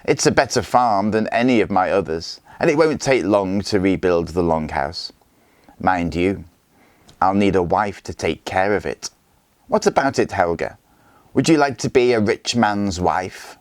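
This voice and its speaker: A cruel Viking warlord, smug and mocking as he talks, as a man puts him on. The voice stays low and close, near the reader's own, in a dry recording of a storybook reading. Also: lively intonation, measured pace, dry recording.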